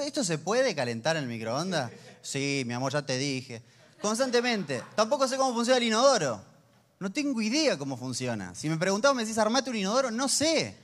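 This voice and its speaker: Man in his 30s, high-pitched, relaxed joking preacher. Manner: conversational, humorous storytelling. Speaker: pastor. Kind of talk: sermon.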